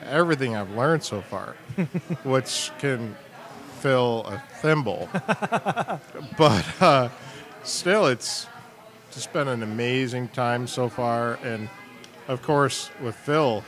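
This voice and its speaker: A man's voice: medium pitch, takes it slowly, fairly bright tone, faint music behind. A middle-aged man co-hosting a beer show in a studio, cracking self-deprecating jokes and laughing often. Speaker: co-host, sales and marketing. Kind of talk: casual comedic chat.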